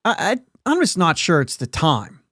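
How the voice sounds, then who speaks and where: A man's voice: fairly high pitch, wildly swooping pitch, moderate pace, sharp tone, no echo, studio quality. A man hosting a sports podcast in casual chat, rambling along and laughing often mid-sentence. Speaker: podcast host.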